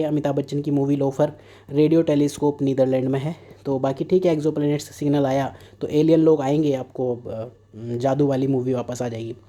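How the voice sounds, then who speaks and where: Young guy teaching exam stuff, super mellow dark voice, bit high-pitched, cracks jokes. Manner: joking asides, mixes Hindi and English. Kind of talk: casual current affairs lesson.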